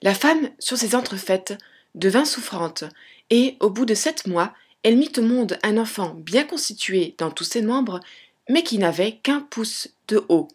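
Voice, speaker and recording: A woman reading a fairy tale aloud as a storyteller, in a gentle, measured way. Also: mid-range voice, expressive, husky.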